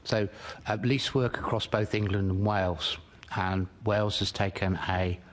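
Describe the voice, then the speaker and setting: A man speaking as an expert witness before a committee. His voice is deep and stays flat, and he is measured, pausing on "um" and "uh" as he works through his points. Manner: measured, with hesitant fillers. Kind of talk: formal committee testimony.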